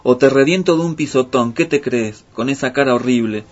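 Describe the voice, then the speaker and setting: A man's voice: medium pitch, brisk, natural voice. A man voicing a boastful, cheeky male fox who brags and talks back. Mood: brash. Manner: brash, bragging. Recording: muffled with faint music.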